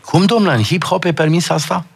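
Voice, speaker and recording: A man's voice: fairly high pitch, creaky, slightly rough. A man co-hosting a radio show, making dry remarks in casual chat.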